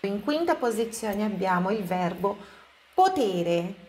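Slow-paced woman teaching Italian. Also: medium pitch, very animated, darkish tone. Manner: slow, careful pronunciation of example words. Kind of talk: language lesson.

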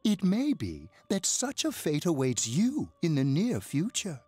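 Video game role: mysterious old fortune teller, husky, wildly swooping delivery, music underneath. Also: male voice, fairly high pitch, wildly swooping pitch, a little mellow, no echo, heavily acted. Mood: welcoming, mysterious. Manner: theatrical fortune teller, slow, portentous. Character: eerie, long-nosed old male fortune teller, amused and mysterious. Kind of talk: scripted video game dialogue. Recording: game audio over background music.

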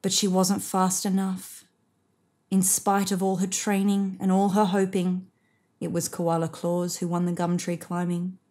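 A woman in her thirties reading a picture book aloud to children in an expressive, measured way. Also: on the low side. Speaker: storybook reader. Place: indoors, seated on a sofa.

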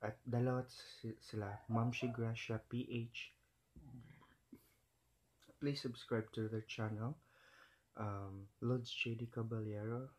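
Filipino man, ASMR food vlogger signing off, unhurried and soft. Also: mid-range voice, little pitch movement. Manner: slow, gentle, mixes Filipino and English. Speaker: mukbang vlogger. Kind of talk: soft-spoken ASMR sign-off.

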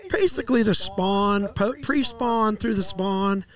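A middle-aged man, a fishing guide, explaining his methods in a relaxed, casual interview outdoors on a headset mic, with fillers and restarts. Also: sits high, a little slow. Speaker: walleye fishing guide, podcast guest. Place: outdoor deck by a lake.

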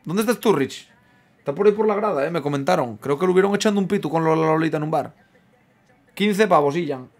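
A man with an Asturian Spanish accent casually commentating his football video game. He swears freely, repeats himself and reacts loudly to every play. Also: on the high side, quick pace. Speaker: gaming streamer.

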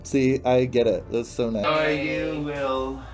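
A man's voice: medium pitch, slow, far from the mic. A young man co-hosting a goofy video, joking around and laughing through casual chat. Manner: playful, laughing, jokey. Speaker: co-host. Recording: roomy room, off-mic, music underneath.

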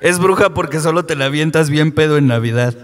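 A man roasting fellow comics with quick deadpan insults. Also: fairly high pitch. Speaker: roast comedian. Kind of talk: comedy roast jokes. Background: audience.

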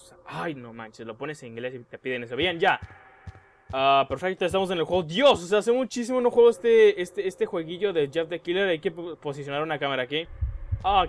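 Young gaming YouTuber, high-pitched man, jumpy, shrieks at scares. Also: a little hiss or hum. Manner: excitable, yelps and squeals when scared. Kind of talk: let's play commentary.

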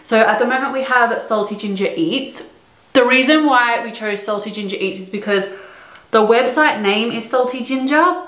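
A woman's voice: mid-range voice, a bit bright. Chatty woman vlogging at home. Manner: chatty, rambling with many fillers. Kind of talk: casual vlog chat to camera. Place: home kitchen and bedroom, indoors. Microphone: camera mic, close to mid distance. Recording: roomy home echo.

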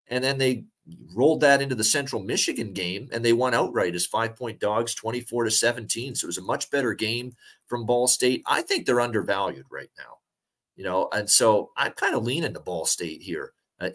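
A sports betting podcast co-host with a low voice breaks down his picks in a casual analysis from a room at home. He's steady and talkative, using lots of "uh" fillers.

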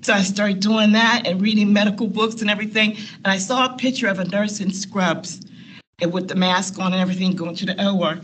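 A woman's voice: mid-range voice, fairly even intonation, brisk, fairly bright tone, a little hiss or hum. A woman, a nurse educator, telling personal stories on a panel, laughing often and acting out quotes. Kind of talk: personal storytelling. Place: meeting room, seated at a long table.

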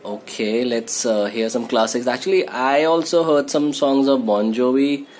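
A man's voice: mid-range voice, normal speed, darkish tone, slight background noise. A young man hosting his own channel, chatting casually and teasing his friend, with plenty of loose fillers. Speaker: channel host. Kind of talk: casual chat.

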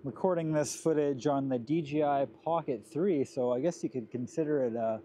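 A man's voice: fairly high pitch, moderate pace, mellow. A man vlogging casually while riding a scooter outdoors in windy farmland, speaking into a clip-on lapel mic whose noise reduction processing leaves artifacts on his voice. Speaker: tech reviewer. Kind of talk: casual vlog. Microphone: clip-on wireless lapel mic.

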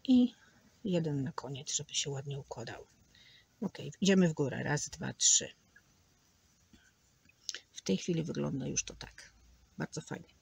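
A woman's voice: low-pitched, unhurried, creaky, long pauses, darkish tone, breathy edge. A woman teaching a crochet tutorial, patiently counting stitches aloud and sometimes dropping to a near whisper. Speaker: crochet instructor.

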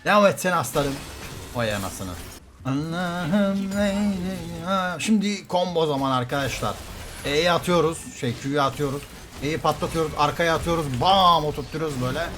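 A man streaming a game live, commenting excitedly, trash-talking opponents and calling out to his viewers. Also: mid-range voice. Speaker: gaming streamer.

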